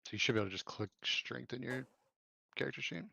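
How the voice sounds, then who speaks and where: A man narrating as game master in an online tabletop game, casual and loose, with fillers and quick self-corrections. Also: mid-range voice, gravelly, pushed and bright.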